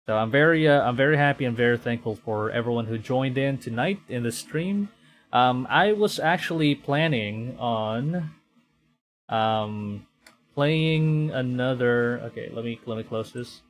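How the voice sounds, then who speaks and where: In an unhurried, mid-range voice, a man from the Philippines makes casual conversation while hosting a VTuber livestream. Music plays in the background, and his speech is hesitant, with phrases often repeated and rephrased.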